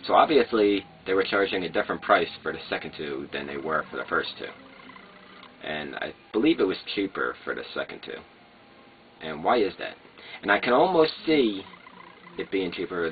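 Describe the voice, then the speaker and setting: A man with slurred speech rambling casually to a vlog, hesitant and meandering, often trailing off. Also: low voice. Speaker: vlogger. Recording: noisy, muffled phone-like sound.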